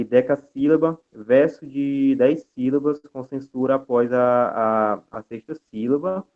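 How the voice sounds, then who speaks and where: A young Brazilian man giving a lecture presentation over a video call, talking hesitantly with many filler sounds and restarts. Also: medium pitch. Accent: Brazilian Portuguese. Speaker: guest speaker. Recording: tinny video call audio.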